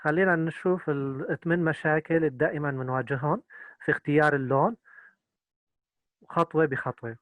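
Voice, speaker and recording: A man's voice: a little high, fairly even intonation, rapid-fire, long pauses, a bit bright, no echo. A man, interpreting a lecture consecutively and hesitating with many filler sounds.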